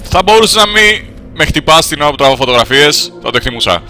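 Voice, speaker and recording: Man from Greece, game commentary, sarcastic running monologue, very bright sharp voice, faint music behind. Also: animated. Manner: jokey, sarcastic running monologue, jumps to high squeals when startled. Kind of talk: comedic gameplay commentary in character.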